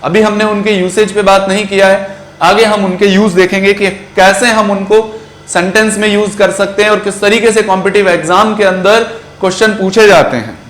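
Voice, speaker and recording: A man with an Indian English accent teaching an exam-prep grammar lesson in a classroom, drawing out words slowly as he drills pronunciation. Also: high voice, fairly even intonation, fairly bright tone. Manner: slow, stretched-out pronunciation drills. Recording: echoey room.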